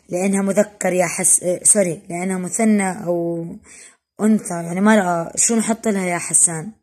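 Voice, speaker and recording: A husky-voiced woman teaches schoolchildren English. She explains in easygoing colloquial mixed with English, then drills word pairs slowly and clearly, with her pitch sitting in the middle range. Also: a little mellow. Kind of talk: recorded classroom lesson for children.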